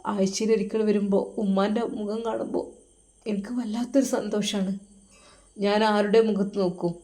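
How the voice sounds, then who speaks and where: A woman's voice: mid-range voice, steady tone, natural voice. Woman voicing a heartbroken young cleric. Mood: pleading. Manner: sorrowful, halting, soft-spoken.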